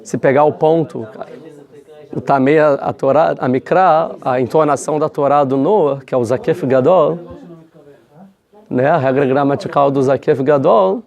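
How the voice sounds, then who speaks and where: A man's voice: on the high side, moderate pace, creaky, darkish tone, muffled recording. A man teaching a casual religious lesson, talking in a chatty way with frequent rhetorical questions and restarts. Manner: conversational, many fillers and restarts, rhetorical questions.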